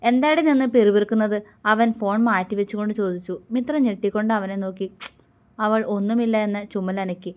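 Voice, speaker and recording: A woman's voice: medium pitch, fairly even intonation, brisk. Woman narrating a romance story.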